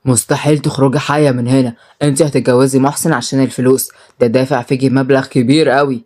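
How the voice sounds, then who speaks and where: A woman's voice: low voice, rapid-fire, a little mellow, voice pushed down. A woman voicing a cruel, scheming young man with an Egyptian accent. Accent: Egyptian Arabic. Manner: sneering, bullying.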